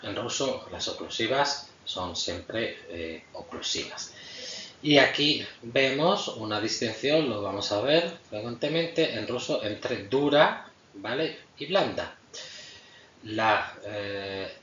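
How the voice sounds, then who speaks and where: A man's voice: mid-range voice, fairly bright tone, echoey room. Male lecturer, native Spanish speaker, hesitant with fillers; muffled, distant mic with light background noise. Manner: patient, pauses often with fillers. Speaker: language teacher. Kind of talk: explanatory lecture.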